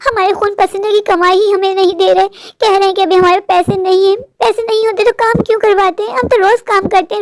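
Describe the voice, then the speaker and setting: A woman's voice: very high-pitched, vocal fry, dry recording, clean studio sound. A woman voicing a poor, desperate young mother in a cartoon, talking in a pleading, worn-out way. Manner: pleading, plaintive. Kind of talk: cartoon voice-over.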